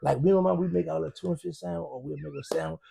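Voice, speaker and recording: Man, middle-aged, very creaky husky voice, slangy casual interview talk, emphatic storytelling. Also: on the high side, steady tone, very fast, dark tone. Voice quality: gravelly, husky. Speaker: podcast guest.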